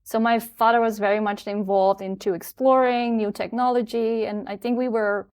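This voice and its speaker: A woman from the Netherlands in her thirties, a guest in an interview, talking reflectively with fillers and soft laughs. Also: a little high, level tone, normal speed. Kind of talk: conversational interview.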